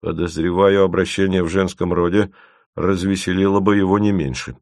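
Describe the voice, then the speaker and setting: A man reading an audiobook, voicing a grumbling, thoughtful senior male investigator in a firm, measured way. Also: deep voice, fairly even intonation, a little mellow, no echo, clean studio sound.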